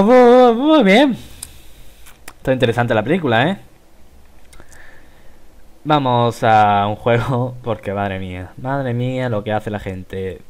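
Guy from spain talking through a game real slow, chatty, yelps at stuff on screen. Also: medium pitch. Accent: Spain Spanish. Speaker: gaming video host. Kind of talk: casual gameplay commentary.

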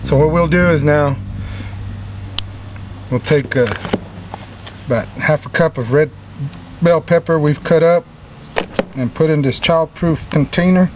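This middle-aged cooking show host, voice on the high side, talks a little slowly and pauses often as he leads a casual demonstration. He's jolly, folksy and chatty, out in a backyard grilling area with background noise around him.

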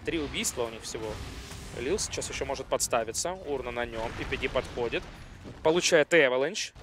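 A man's voice: mid-range voice, lively intonation, a little fast, a bit bright, slight background noise. A man giving live analytical game commentary, explaining plays in a slightly hesitant way. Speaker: esports commentator.

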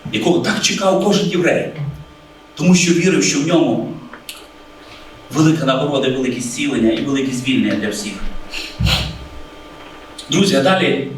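A man's voice: on the high side, heavy reverb, recorded from a distance, a little hiss or hum, poor audio. A man preaching a sermon in an earnest way, calling his listeners friends and acting out the voices he quotes.

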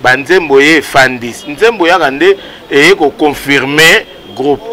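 A man's voice: on the high side, measured pace. A man in his thirties with a Congolese accent, talking animatedly as an interview guest, outdoors by a wall. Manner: animated, gestures with hands, mixes Lingala and French. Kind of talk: casual interview.

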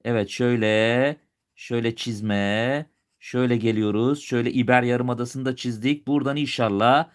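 A man's voice: medium pitch, steady tone, normal speed. A male teacher from Turkey giving a live exam review lesson, with a slight regional lilt he puts on at times. He talks students through each question, asking and answering himself as he goes. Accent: Turkish, with a regional lilt he puts on at times.

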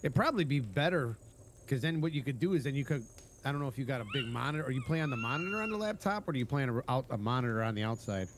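A man's voice: medium pitch, lively intonation, very fast, noisy background. Laid-back man in his forties explaining. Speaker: fellow gamer. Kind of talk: casual gaming chat.

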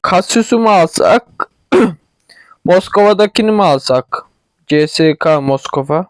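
A young man speaks with a regional Turkish dialect in a fairly high voice, recorded close and dry with no room sound. He chats loosely over a football management game, thinking aloud, tripping over words and clearing a tickly throat. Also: animated, measured pace, no room sound. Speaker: gaming channel host. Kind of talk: casual game commentary.

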